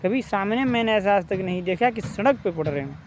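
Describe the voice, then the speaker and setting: High-voiced man arguing an opinion. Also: expressive, a little fast, a little hiss or hum. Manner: argumentative, asks rhetorical questions; repeats points, addresses listeners as brothers. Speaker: opinion vlogger. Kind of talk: casual spoken commentary.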